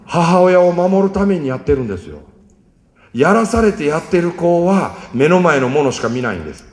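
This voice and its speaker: Animated Kansai man in an echoey hall. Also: on the high side, moderate pace. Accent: Kansai Japanese. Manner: animated, acts out family dialogue. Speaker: speaker telling a story about parenting. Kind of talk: storytelling talk. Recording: echoey hall with long reverb.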